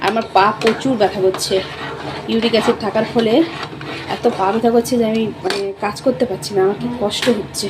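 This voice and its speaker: A middle-aged woman with a highish, fairly even voice talks briskly through a home cooking vlog as she cooks and tidies the kitchen and other rooms. She's chatty and complaining, often correcting herself mid-word, over a noisy background.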